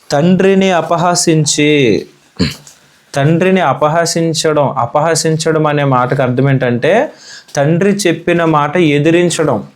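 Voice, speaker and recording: A Sunday school teacher from India, with a mid-range, slightly dark voice, gives a children's Bible lesson in a church classroom. The teacher asks the children questions and repeats their answers.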